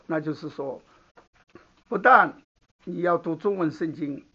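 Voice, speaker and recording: High-voiced preacher man, lo-fi recording. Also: a little slow, bright, forceful tone, husky. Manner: conversational teaching, asks the room "好不好". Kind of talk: sermon. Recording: dull lo-fi recording.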